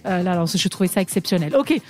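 A woman's voice: fairly low pitch, animated, fast. A woman hosting a casual studio quiz, chatty and full of hesitations and fillers. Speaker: radio quiz host.

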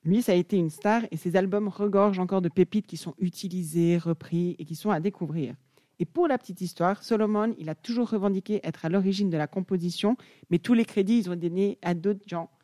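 A woman's voice: lowish voice, fairly quick, warm tone, no room sound, studio quality. A young woman presenting an enthusiastic music chronicle on the radio.

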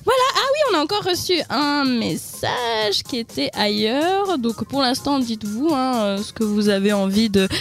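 A woman hosting a casual radio show, reading out listener messages in a lively, laughing manner. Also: a little high, normal speed, few pauses, soft background music.

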